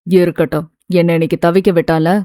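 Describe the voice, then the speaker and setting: A woman voicing an impulsive young man, blunt and rough-spoken, in a dry, close audiobook recording. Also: fairly low pitch, level tone, a little fast, dark tone, no echo, pitched below the performer's own voice, close to an everyday voice. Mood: irritated.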